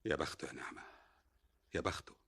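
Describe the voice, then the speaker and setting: An actor with an Egyptian accent playing a weary, put-upon middle-aged husband in a classic film drama. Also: male voice, fast talker, fairly bright tone, lightly acted.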